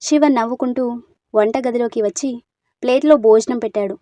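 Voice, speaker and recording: A woman tells a storybook tale in a soft, unhurried reading. Her voice sits fairly high and sounds dry and close, with no room echo. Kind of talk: storybook narration.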